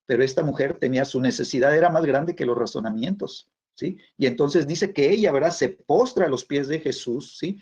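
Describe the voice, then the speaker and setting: A man preaching a sermon in a halting way, full of fillers and tag questions. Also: fairly high pitch, a little mellow, slightly rough. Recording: dull lo-fi sound.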